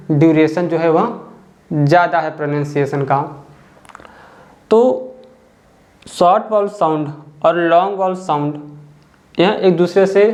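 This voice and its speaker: A man with a somewhat high voice explains things step by step like a teacher at a board. He is patient, repeats each point and checks in with the listener before moving on. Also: a little mellow.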